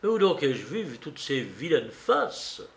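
A man's voice: a little high, sing-song, slow pace, gravelly, exaggerated voice. A man voicing a flustered young priest who stammers and mutters sulky, sardonic asides in a storybook reading. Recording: roomy, echoey recording.

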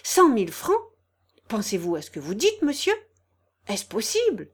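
A woman voicing a scolding, sharp-tongued older housekeeper who chides loudly in a storybook reading. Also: a little high, animated, normal speed, close to an everyday voice. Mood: astonished. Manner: loud, chiding, exasperated.

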